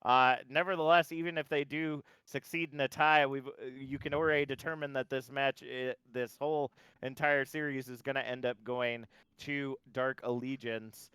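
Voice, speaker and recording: A man casting a live esports match, chatty and relaxed, with frequent fillers and restarts. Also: medium pitch, moderate pace, clear, resonant tone, no room sound, low-quality recording. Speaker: esports caster. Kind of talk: live play-by-play commentary.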